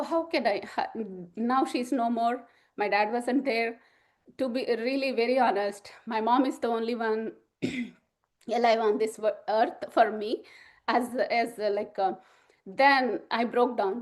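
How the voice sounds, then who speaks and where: A middle-aged woman, sharing an emotional personal testimony in a halting way, full of fillers and restarts. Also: on the high side, a little mellow. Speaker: spiritual group member sharing testimony.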